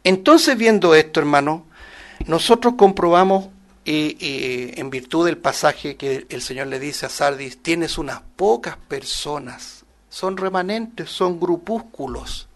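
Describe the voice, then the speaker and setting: Male preacher, high voice, punchy emphatic sermon delivery with rhetorical questions to the congregation. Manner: emphatic, rises loud on scripture quotes, drops soft on asides; addresses listeners as "hermano", many rhetorical questions. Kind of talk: sermon, Bible study.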